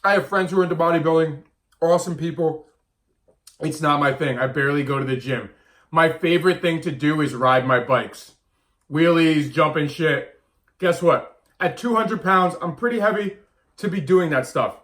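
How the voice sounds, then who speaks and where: A man in his thirties with a slightly high voice, talking casually and bluntly to his camera. He hammers his points home and often says them twice. The talk is loose and unscripted. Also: normal speed, a bit bright. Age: 30s. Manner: blunt, emphatic, repeats himself. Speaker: vlogger and diet coach.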